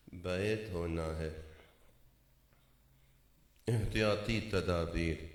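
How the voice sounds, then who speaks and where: Echoing low-voiced teaching preacher. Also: male voice. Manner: drawn-out chanted letter names, didactic. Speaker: mufti giving a religious talk. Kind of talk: sermon on correct Quran pronunciation. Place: large mosque gathering. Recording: echoey mosque hall.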